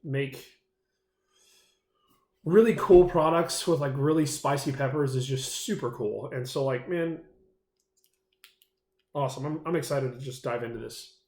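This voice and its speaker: A man's voice: medium pitch, unhurried, long pauses, darkish tone, echoey room. A man vlogging a food challenge in a casual, rambling way, full of fillers and enthusiasm, sometimes talking with his mouth full. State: eating, mouth full at times. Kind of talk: casual solo vlog.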